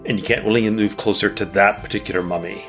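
A man's voice: on the low side, fairly even intonation, quick pace, a bit bright, faint music behind. A man running a tabletop game as game master, describing the action and patiently explaining rules, laughing often.

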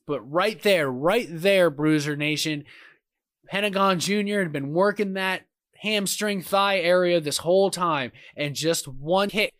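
A man doing wrestling play-by-play commentary as a commentator, calling each move and exclaiming excitedly at the big ones. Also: on the high side, dry recording, clean studio sound.

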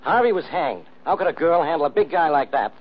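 An American actor playing a stubborn, blustering middle-aged police inspector in a 1940s radio mystery, blunt and insistent, on an old recording. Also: male voice, a little high, big pitch swings, a little fast, breathy edge, highs cut off. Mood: skeptical. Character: blustering, hard-nosed police inspector man, stubborn and boastful.

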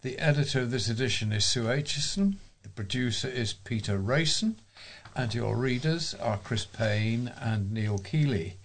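A man with a croaky, hoarse voice, reading local news in a formal, measured way as a volunteer reader. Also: mid-range voice.

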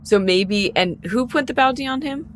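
A woman's voice: fairly high pitch, expressive, moderate pace, a little hiss or hum. A woman playing a tabletop game, thinking out plans aloud. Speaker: player. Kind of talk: casual tabletop play.

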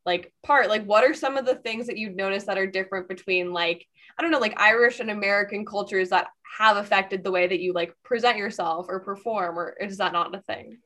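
A woman's voice: medium pitch, a little fast, a bit bright. A young American-sounding... no: a young woman hosting a casual talk, speaking in a mid-range voice with loose, filler-heavy phrasing. She shares her own stories and asks long, wandering questions. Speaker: podcast host, stand-up comedian. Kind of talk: casual interview chat.

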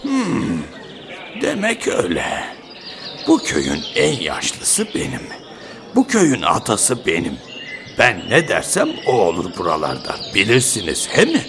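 An actor playing a cantankerous old village patriarch in a radio play, with folksy rural speech and a scolding manner. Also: male voice, fairly low pitch, huge pitch swings, a little slow, creaky, noisy background, full character voice. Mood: wary, commanding. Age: older. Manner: grumbling, scolding, rhetorical questions.

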